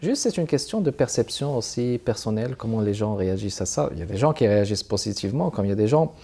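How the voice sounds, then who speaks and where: A man hosting an arts interview on television, chiming in with brisk affirmations. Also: on the low side, expressive, mellow, husky. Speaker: TV arts show host.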